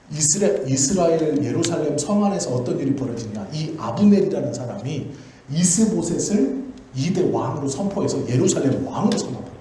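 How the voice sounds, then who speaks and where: Conversational Korean pastor in an echoey church. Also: male voice, a little high, mellow. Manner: conversational, asks and answers own questions. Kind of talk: storytelling sermon. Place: church sanctuary. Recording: very echoey church hall, faint noise.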